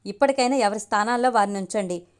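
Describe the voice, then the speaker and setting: Woman reading as a scornful sharp-tongued young woman. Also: mid-range voice, quick pace, clear, resonant tone, natural voice. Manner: taunting, defiant.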